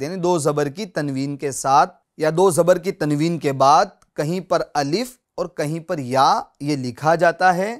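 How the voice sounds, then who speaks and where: Speaking at a fairly high pitch, this male teacher gives a spoken Quran reading lesson. He goes over every example slowly and patiently, invites viewers to read with him, and drops "theek hai" frequently between points.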